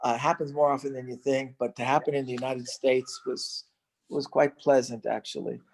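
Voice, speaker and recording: A middle-aged man who works as a missionary and evangelist, telling a story in a relaxed chat. His voice sits at an ordinary pitch, and he often stops, restarts and fills gaps with "uh" as he goes. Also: creaky, slightly rough. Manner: storytelling, halting with restarts and fillers. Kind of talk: casual chat.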